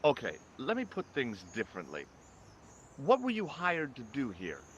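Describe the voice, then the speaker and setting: A wry, inquisitive hero who narrates his own video game adventure. His pitch is lively and rises and falls as he questions people, with a dry, sarcastic edge. Faint crickets can be heard in the background. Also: normal speed, dull audio, slight background noise. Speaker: narrator and protagonist.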